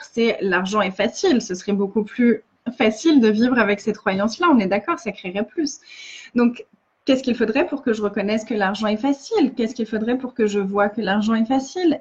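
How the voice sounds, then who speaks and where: A woman's voice: fairly high pitch, slightly rough, muffled recording. A woman facilitator giving earnest casual coaching in a live video, often restarting and repeating phrases.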